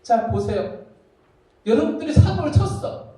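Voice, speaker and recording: Lively high-voiced man preaching in an echoey church. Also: measured pace. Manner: lively storytelling, acts out quoted voices. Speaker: children's pastor. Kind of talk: children's sermon. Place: church hall. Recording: echoey church hall, mic from far off.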